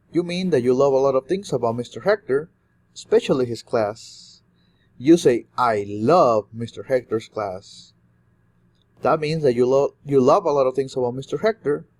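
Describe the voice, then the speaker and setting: A man's voice: medium pitch, darkish tone. A young man, a student, giving a spoken exam review of a phonetics course step by step and acting out short example phrases.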